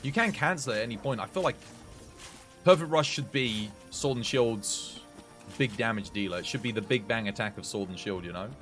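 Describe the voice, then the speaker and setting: A young streamer wearing a headset mic chats casually through his gameplay with soft music in the background. His medium-pitched voice is brisk and fairly bright as he rambles on, curses a little, and responds to his chat.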